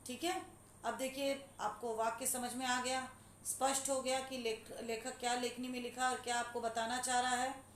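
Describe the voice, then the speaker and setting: Patient woman teaching a grammar lesson. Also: a little high. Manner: patient, checks understanding with questions; reads examples aloud slowly, then explains. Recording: echoey room with faint hum.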